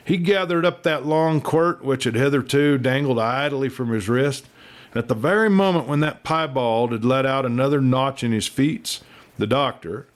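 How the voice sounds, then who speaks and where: Narrating a western at normal speed, this audiobook reader has a medium-pitched voice. He brings a folksy, dramatic flair and plenty of storytelling expression to it.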